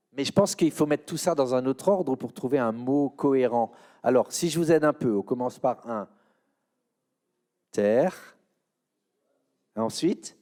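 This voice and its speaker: Hosting a church children's show, a French-accented man runs an interactive quiz, teasing answers out of the audience in a playful way. His voice is fairly high and a little mellow.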